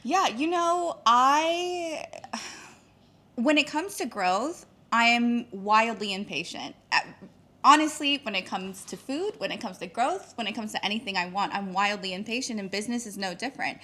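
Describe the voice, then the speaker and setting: Woman, podcast guest, emphatic, fast-talking, slightly high voice. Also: pushed and bright. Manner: fast, emphatic, laughs often, swears casually. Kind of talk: casual interview chat. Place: outdoor retreat location.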